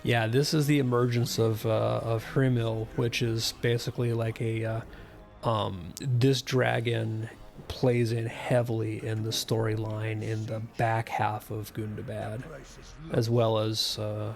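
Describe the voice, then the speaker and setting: A man's voice: fairly low pitch, little pitch movement, unhurried, gravelly, soft background music. A man giving casual, offhand game commentary as a streamer, with wry asides. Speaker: gaming streamer.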